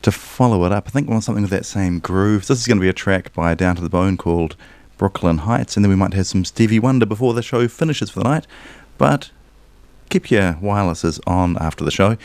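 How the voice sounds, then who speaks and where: A New man runs a radio music show, chatting cheerfully and rambling between tracks. His voice sits very low, and the dry studio microphone leaves almost no room sound around it. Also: normal speed, darkish tone, smooth, no echo. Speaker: radio DJ and host. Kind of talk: casual radio DJ links.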